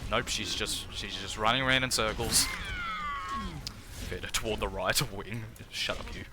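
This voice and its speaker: A man with an Australian accent casting a live game tournament in a chatty, energetic way, often restarting his phrases. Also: lowish voice, moderate pace, loud music behind the voice. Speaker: tournament caster and streamer.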